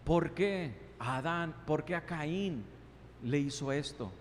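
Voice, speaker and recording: Impassioned pastor, high voice. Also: male voice, takes it slowly, a little hiss or hum. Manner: impassioned, rhetorical questions, voices God's replies. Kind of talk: sermon. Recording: long reverb in a large hall, faint ambience.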